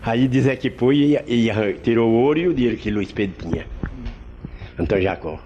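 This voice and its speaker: A man adds details in a plain, matter-of-fact way, at an ordinary mid pitch. Faint ambient noise is heard behind him. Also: animated, a little fast, mellow, muffled recording. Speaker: interviewee. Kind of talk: storytelling recollection.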